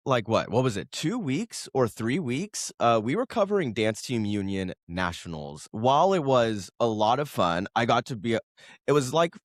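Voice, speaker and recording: A man's voice: mid-range voice, no echo, clean studio sound. A man in his thirties hosting a solo podcast, chatting casually and rambling, correcting himself and laughing often, while coming down with a cold. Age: 30s. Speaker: podcast host.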